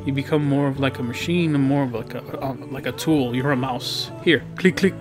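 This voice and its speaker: A man's voice: mid-range voice, fairly even intonation, fairly quick. A man rambling casually through a voice-over about his painting, full of fillers and restarts and poking fun at himself. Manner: rambling, filler-heavy, self-deprecating. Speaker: digital painter and video host. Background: background guitar music.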